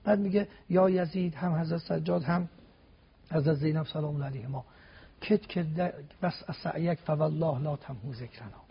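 A man with a high, gravelly voice and a very husky edge delivers a preaching talk on a TV program. He is emphatic and builds his case step by step, asking rhetorical questions. The sound is dull and lo-fi, like an old broadcast. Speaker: religious guest speaker.

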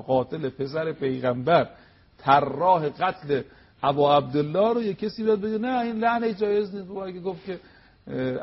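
A male cleric delivers a preaching talk on a TV program. His voice sits a little high and is husky. He drives home each point with emphasis and rhetorical questions, and the sound is dull and lo-fi. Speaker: cleric guest on religious TV program.

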